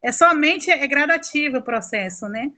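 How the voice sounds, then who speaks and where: A woman's voice: sits high, expressive, normal speed, bright, forceful tone. A woman with a Brazilian Portuguese accent giving an online course presentation, explaining at length with many fillers and self-corrections. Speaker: lecturer.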